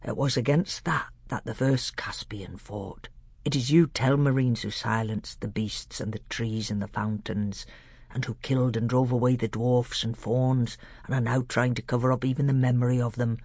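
Solemn old tutor in a deep hushed whisper, breathy and close-miked, voiced by a male reader. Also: steady tone, normal speed, dry recording, lightly acted. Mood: grave secretive.

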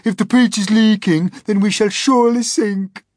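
A man's voice: high voice, fairly even intonation, moderate pace, darkish tone, no echo, clean studio sound, voice pushed up, natural voice. A man voicing a gloomy, panicky blind earthworm in a storybook, shrieking and complaining. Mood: doom-laden panic. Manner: shrieking, doom-laden, complaining.

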